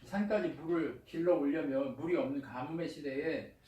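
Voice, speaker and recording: A male pastor delivers a sermon in a chatty, lively way and keeps asking the congregation questions. His voice is fairly high. It is caught by a distant mic in an echoey church hall. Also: moderate pace, slight background noise. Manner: lively and colloquial, asks the congregation frequent questions. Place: church sanctuary.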